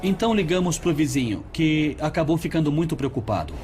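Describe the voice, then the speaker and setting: An actor playing a calm emergency doctor with a Brazilian accent, explaining and reassuring in a dubbed documentary. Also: male voice, fairly high pitch, brisk, lightly acted. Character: calm, patient male emergency room doctor. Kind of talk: dubbed documentary dialogue and narration. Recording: music behind the voice.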